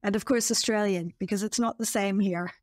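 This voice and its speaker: A Canadian woman being interviewed, explaining her work in a fluent, measured way. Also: medium pitch, fairly even intonation, a little mellow, dry recording, studio quality. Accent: Canadian English. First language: bilingual English and French. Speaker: guest, marketing consultant. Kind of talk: interview answers.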